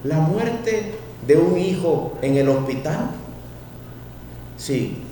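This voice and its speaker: A middle-aged pastor preaching to his congregation, his fairly high voice carrying through a big echoing church hall. He sounds set back from the mic, with a faint hiss under him, and he throws questions at the crowd and swells into loud cries. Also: lively intonation, extremely slow. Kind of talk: sermon. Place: church sanctuary. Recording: echoey hall from far off, faint noise.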